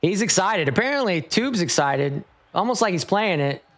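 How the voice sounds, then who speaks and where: A man's voice: high voice, expressive, moderate pace, a bit bright. A man commentating an online esports tournament in an easygoing, rambling, playful way.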